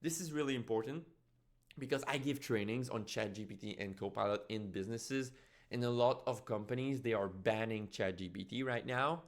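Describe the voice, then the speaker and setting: A man's voice: fairly low pitch, normal speed. A man with a French Canadian accent, a native French speaker, giving an explanatory tutorial as a trainer in an informal way, often checking in with "right?". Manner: informal teaching with frequent "right?" check-ins. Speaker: software trainer and tutorial presenter.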